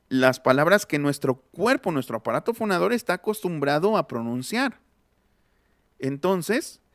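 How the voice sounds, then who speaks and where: A man's voice: on the high side, dry recording, clean studio sound. A man teaching an online phonetics lesson in a chatty way, laughing often and sounding out words as examples. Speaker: linguistics teacher.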